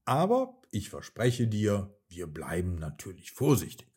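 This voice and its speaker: A man voicing a cheerful young woman who calmly reassures her worried monkey friend, in a children's story. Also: fairly low pitch, unhurried, slightly rough, exaggerated voice. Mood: reassuring. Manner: soothing, reassuring.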